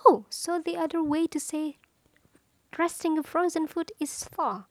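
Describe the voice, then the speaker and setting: This woman, whose first language isn't English, chats playfully and pokes fun at herself while advising listeners on learning languages. She has a high, slightly mellow voice, speaks unhurriedly, and the recording has no room sound.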